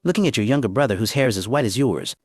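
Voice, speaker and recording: A man narrating a story recap in the second person, with brisk, animated storytelling, recorded close and dry. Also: medium pitch, dry recording.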